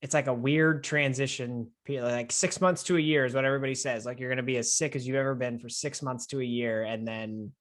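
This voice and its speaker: A man's voice: mid-range voice, fairly even intonation, brisk, hardly any pauses, a bit bright. A young man co-hosting a podcast in a casual, conversational style. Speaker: podcast co-host.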